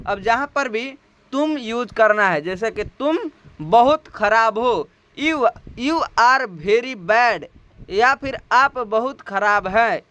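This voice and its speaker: Guy with a hindi accent doing an english lesson, really high voice, smooth and clear. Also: pushed and bright. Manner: spells words out and repeats, often asks the viewers questions. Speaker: English teacher. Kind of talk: spoken language lesson.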